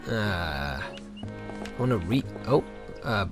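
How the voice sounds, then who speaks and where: A man's voice: lowish voice, very animated, takes it slowly, over loud music. A man giving casual, irreverent commentary while playing a game, sarcastic and swearing often.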